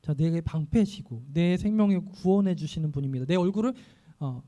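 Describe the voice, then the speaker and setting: A male pastor preaching an earnest sermon, often voicing prayers aloud and pausing with fillers. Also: a little high, animated, warm tone.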